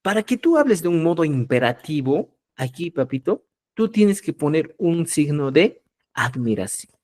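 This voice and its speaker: A man teaching a live online language class, speaking slowly and with emphasis, and often checking whether the students follow. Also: fairly high pitch, sing-song, a little mellow. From Peru. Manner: checks understanding with repeated "¿ya?"; slow, emphatic drilling of example words.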